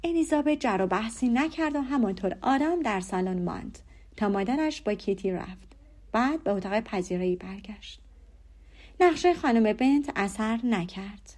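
A woman narrating a classic novel as an audiobook in a calm, measured storytelling manner. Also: fairly high pitch. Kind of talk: scripted narration.

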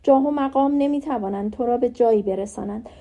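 Woman reading as a dying old male professor. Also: fairly high pitch. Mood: earnest. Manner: calm, earnest advice-giving. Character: dying elderly male professor, gentle and wise. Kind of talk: audiobook reading.

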